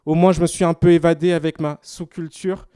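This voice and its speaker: A man's voice: on the high side, flat delivery, brisk, dark tone, clear, resonant tone, no room sound, clean studio sound. A man from Paris with a Parisian French accent, performing rhymed slam poetry at a live exhibition opening. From France, Paris. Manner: rhythmic rhymed spoken-word delivery. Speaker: slam poet.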